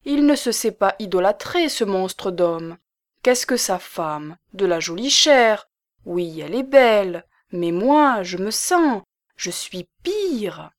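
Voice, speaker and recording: A woman's voice: mid-range voice, very animated, takes it slowly. A woman voicing a young coquettish married woman with a pleading, sighing lilt. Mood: yearning.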